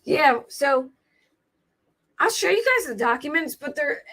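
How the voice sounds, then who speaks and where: American lady livestreaming, kinda high voice but scratchy w lots of fry, rambly casual chat. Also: sing-song, measured pace, a bit bright. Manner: informal, rambling, thinking aloud. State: scratchy voice today. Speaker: livestream host commenting on true crime cases.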